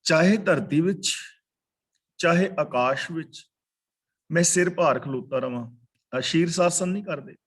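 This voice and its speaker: A man teaching a scripture class, slowly chanting verses and then explaining them word by word and correcting their pronunciation. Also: on the high side. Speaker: katha teacher. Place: online class over video call.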